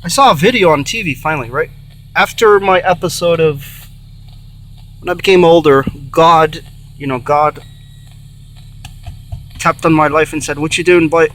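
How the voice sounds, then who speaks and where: Higher-voiced man rambling over faint noise. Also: unhurried, pauses often, fairly bright tone. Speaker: host of a paranormal spirit box session. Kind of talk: casual rambling vlog talk, addressing spirits and viewers. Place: in or beside a car.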